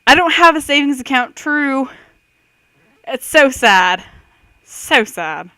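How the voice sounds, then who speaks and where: A woman's voice: high-pitched, animated, a little slow, pushed and bright, dry recording. A woman giving casual, chatty commentary on a quiz game, reading questions aloud and reacting with self-doubting thoughts. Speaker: host of a let's-play quiz video.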